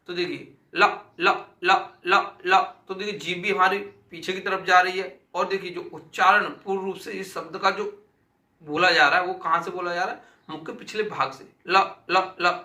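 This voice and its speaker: Bright, high-voiced man teaching in an echoey room. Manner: drills sounds by repeating them aloud, asks and answers his own questions. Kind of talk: exam-prep grammar lesson.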